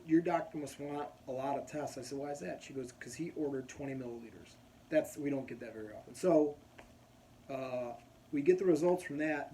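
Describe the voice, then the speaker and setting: A man's voice: medium pitch, mellow, a little hiss or hum. A man casually telling a long personal story, rambling and going off on tangents. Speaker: vlogger.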